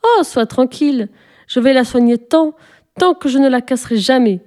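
Woman playing a pleading little girl in a storybook, high and mellow. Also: normal speed. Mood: insistent. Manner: excited, pleading. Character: little girl, eager and headstrong.

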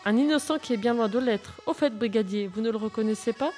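A woman's voice: fairly high pitch, quick pace, faint music behind, lightly acted. A woman voicing a clever, bold young girl who gives orders with confidence. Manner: bright, commanding, triumphant.

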